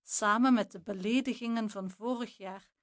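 A woman reading a youth novel aloud as narrator, in a measured, deliberate storytelling manner. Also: fairly high pitch, fairly even intonation.

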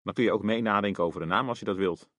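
A man voicing a cheerful, proud father in a read-aloud story, speaking with bright, beaming excitement. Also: lowish voice, very fast, dry recording, studio quality, lightly acted. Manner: jolly, beaming.

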